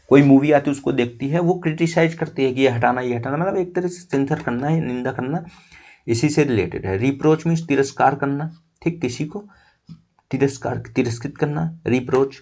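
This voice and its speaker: A man's voice: mid-range voice, darkish tone. A man teaching an exam-prep vocabulary lesson, explaining each word step by step and checking in with the class as he goes.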